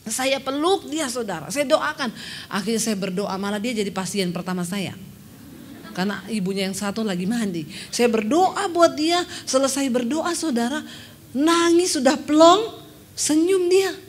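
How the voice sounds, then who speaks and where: A woman pastor preaching a lively storytelling sermon, animated and humorous, often turning to address the congregation directly. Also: high voice, slight background noise.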